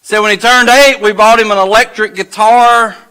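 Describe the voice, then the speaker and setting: A man preaching a sermon as pastor in a church, slow and deliberate, building in intensity as he reads scripture. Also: high-pitched, steady tone, sharp tone, clear, resonant tone, poor audio. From United States. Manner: slow, deliberate delivery with dramatic pauses and rising intensity. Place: church sanctuary. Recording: live church livestream.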